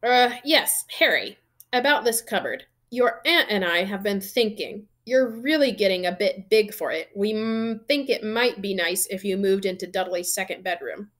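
A woman's voice: mid-range voice, normal speed, fairly bright tone, lightly acted. A woman voicing a blustering, bullying middle-aged uncle in a storybook, barking and sputtering. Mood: forced politeness.

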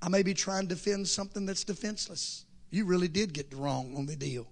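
Male preacher, high gravelly voice, bright tone; fiery sermon delivery that climbs to shouting. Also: fairly even intonation, fairly quick. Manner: impassioned, building to shouts with repeated refrains. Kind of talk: revival sermon. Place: church service before a congregation.

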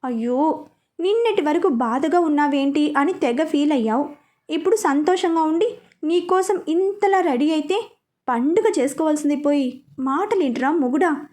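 A woman's voice: high-pitched, expressive, moderate pace, darkish tone. A woman voicing a playful young wife who teases her husband in coy, loving talk. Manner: teasing, coy.

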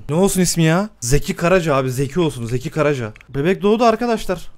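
A young man giving excitable live commentary on a game, swearing often and laughing a lot. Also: on the high side, quick pace. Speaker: gameplay streamer.

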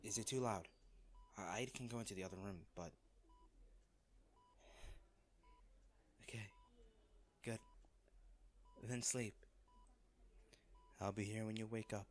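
In a romantic audio roleplay, a man plays a wealthy, devoted, protective lover, speaking tenderly and earnestly in halting phrases. His voice is on the low side with fairly even intonation and light acting, and the mood is soft and reassuring.

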